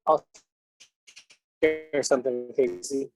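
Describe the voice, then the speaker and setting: A man's voice: medium pitch, steady tone, takes it slowly, soft background music. Man on a glitchy, cutting-out call. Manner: repeats himself, checking whether he can be heard. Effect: glitchy call connection that keeps cutting out. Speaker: real estate agent on a team video call. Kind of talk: casual video call chat. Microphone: video call.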